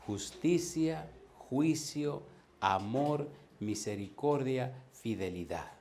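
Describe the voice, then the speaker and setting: A man in his fifties preaching a sermon as a pastor, in a lively way that keeps putting questions to the congregation. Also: medium pitch, takes it slowly, creaky, slight background noise.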